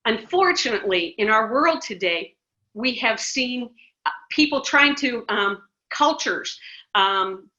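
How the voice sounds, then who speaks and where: A middle-aged American woman who directs a ministry guests on a casual interview, speaking emphatically with many restarts. Her voice is on the high side, animated, pushed, and bright, delivered at a measured pace on a muffled lo-fi recording.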